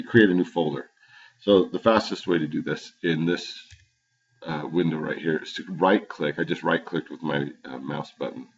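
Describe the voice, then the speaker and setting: At home, a male teacher records a screen-capture computer tutorial, speaking haltingly with many fillers and restarts. His voice has vocal fry, picked up by the dull, low-quality built-in mic on his computer.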